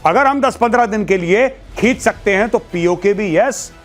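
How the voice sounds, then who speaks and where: High-voiced man, mocking debate guest. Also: moderate pace, soft background music. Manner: mocking, jokey, conversational. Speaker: defence expert guest. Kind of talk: TV news debate. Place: TV studio.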